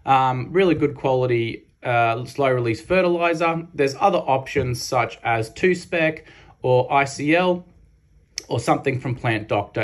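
A man in his thirties with an Australian accent, a lawn care host giving a practical step-by-step voice-over with casual fillers. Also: medium pitch. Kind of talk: instructional voice-over.

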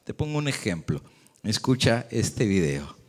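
A man's voice: fairly low pitch, big pitch swings, unhurried. A man, a pastor, preaching a sermon in Spanish and explaining points to the congregation with rhetorical questions.

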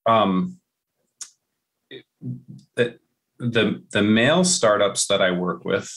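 Emphatic low-voiced man giving advice. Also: slow, fairly bright tone. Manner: passionate, emphatic, repeats phrases for stress. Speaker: podcast guest, entrepreneur. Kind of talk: casual podcast conversation.

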